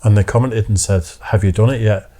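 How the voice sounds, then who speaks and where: A man's voice: on the low side, fairly even intonation, brisk, crowd noise. A man from Britain co-hosting a casual chat, opinionated and dryly joking. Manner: opinionated, dry jokes. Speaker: co-host.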